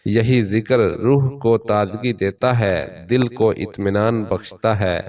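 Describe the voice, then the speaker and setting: A man with a Pakistani Urdu accent giving a solemn, measured motivational sermon in a steady preaching cadence. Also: on the low side, recorded from a distance. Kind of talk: scripted motivational sermon narration.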